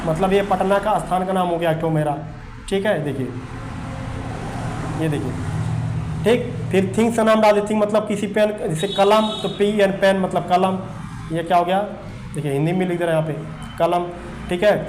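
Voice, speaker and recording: High-voiced teacher spelling words aloud. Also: male voice, fairly even intonation, moderate pace, long pauses. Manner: spells words letter by letter, repeats "देखिए" and "ठीक ना". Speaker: English grammar teacher. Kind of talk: whiteboard grammar lesson. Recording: echoey room with faint background noise.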